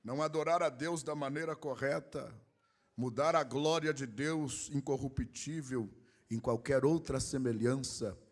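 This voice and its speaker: A male Brazilian pastor preaching a sermon, swinging between a sung, rising cadence and quiet asides. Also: mid-range voice, a little slow. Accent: Brazilian Portuguese.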